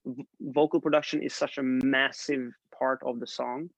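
A young man from Sweden laughs often while chatting on a video call as a songwriter guest, keeping things relaxed with trailing fillers in this casual interview. He has a medium pitch with vocal fry and speaks at normal speed, in a dry, dull, lo-fi recording.

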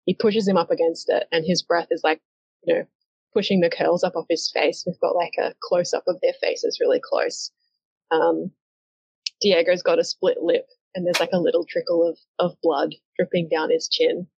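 A woman's voice: lowish voice, flat delivery, moderate pace, gravelly, darkish tone, breathy edge, no room sound. A woman game master narrating a collaborative comic story game in a chatty, hesitant way with lots of fillers. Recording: dull, lo-fi and dry.

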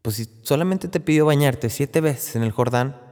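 A man voicing a humble servant who gently reasons with his master. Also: medium pitch, normal speed, voice pushed up, close to an everyday voice. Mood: persuasive. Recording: long hall reverb.

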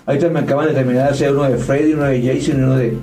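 Guest, mellow and dark, sits off-mic in an echoey room with faint music. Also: male voice, medium pitch, fairly even intonation, very fast, recorded from a distance. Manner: enthusiastic, repeats himself and restarts. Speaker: event organizer guest. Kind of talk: casual podcast chat.

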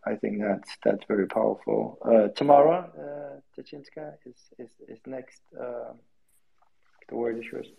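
A man moderating an online discussion, polite and halting with many pauses, heard over a video call. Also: mid-range voice, vocal fry, phone-quality sound.

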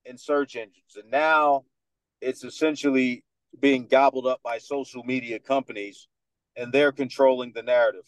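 Heard on a dry, low-quality recording, a mid-range male voice belongs to a New York sports radio host in his thirties with a Dominican American accent. He's a guest in a casual podcast interview, telling animated, confident stories and imitating what others said.

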